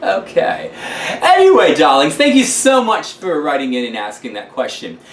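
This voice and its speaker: Man doing a gushy London society dame, high and swooping, calls everyone darling, roomy echo. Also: huge pitch swings, moderate pace, slight background noise. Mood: gushing. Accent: put-on London English. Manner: theatrical, gushing, calls listeners darlings. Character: posh flamboyant London society lady. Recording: echoey room, mic at a distance.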